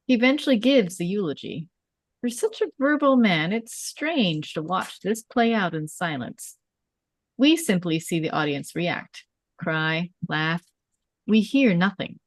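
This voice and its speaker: At a table read, a woman delivers the screenplay's stage directions as scripted narration, keeping her reading measured. Her voice sits at a medium pitch, and there's no echo.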